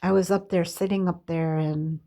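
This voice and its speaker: A middle-aged woman telling her personal life story in a candid, confessional way, halting often with fillers and restarts. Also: on the low side, fairly even intonation, dark tone. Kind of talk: personal testimony, casual storytelling.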